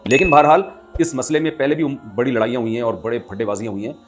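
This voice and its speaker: A man, an Islamic scholar answering listeners' questions in a lecturing manner and reciting Arabic lines slowly. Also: mid-range voice, steady tone. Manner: lecturing, quotes Arabic verse slowly and clearly. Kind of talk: religious Q&A talk.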